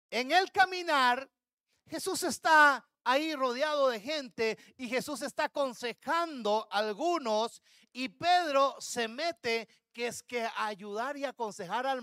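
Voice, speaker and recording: A man's voice: very high voice, bright, forceful tone, dry recording, studio quality. A man pastor preaching a sermon to his congregation, acting out the words of biblical figures. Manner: addresses congregation as brothers.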